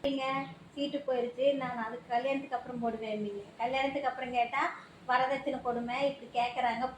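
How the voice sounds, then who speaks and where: A woman's voice: on the high side, a little mellow, echoey room, a little hiss or hum, close to an everyday voice, poor audio. A woman playing a greedy, haughty in-law who demands gold and then calls off the wedding in a home-made family skit. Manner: demanding, dismissive.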